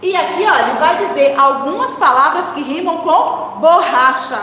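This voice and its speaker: A woman's voice: high-pitched, animated, moderate pace, bright, forceful tone, slight background noise. A woman teacher giving a recorded lesson to young children, spelling out words syllable by syllable and asking them encouraging questions. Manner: encouraging, asks the class questions. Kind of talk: primary-school literacy lesson. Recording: echoey room with long reverb.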